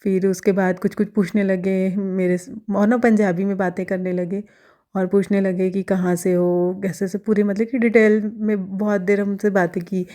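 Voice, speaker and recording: Hesitant woman with a flat, mellow voice. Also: mid-range voice. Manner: hesitant, many fillers and pauses. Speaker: devotee sharing experiences. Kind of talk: casual testimonial talk.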